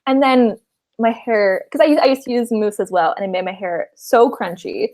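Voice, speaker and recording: A woman's voice: a little high, moderate pace, darkish tone. A woman in her twenties co-hosting a casual book chat, giggly and rambling, on a video call. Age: 20s. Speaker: co-host of a book liveshow.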